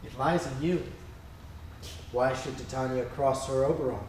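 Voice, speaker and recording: A man's voice: mid-range voice, steady tone, normal speed, a little mellow, close to an everyday voice. A man playing an imperious, jealous fairy king in hammy, declamatory Shakespearean stage verse. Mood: reproachful. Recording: echoey hall, distant, faint noise.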